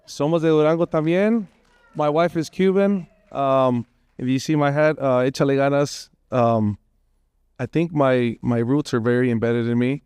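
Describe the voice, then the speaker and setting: A man whose first language is Spanish, from Las Vegas, speaks on a panel with open emotion. His voice is smooth and resonant, recorded close and dry. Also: mid-range voice, steady tone, moderate pace, darkish tone, no room sound. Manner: emotional, heartfelt, mixes in Spanish phrases. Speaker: real estate agent on a panel. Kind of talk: panel discussion.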